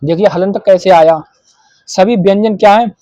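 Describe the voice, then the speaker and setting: A man's voice: high voice, moderate pace, warm tone, no echo, muffled recording. A male teacher working through an exam paper, asking himself questions and answering them. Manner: asks and answers his own questions. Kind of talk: exam paper walkthrough lesson.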